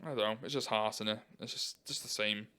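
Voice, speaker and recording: A man's voice: lowish voice, fairly even intonation, brisk, bright, forceful tone, smooth. A young man co-hosting a podcast in casual chat, with teasing, laid-back banter. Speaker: podcast co-host.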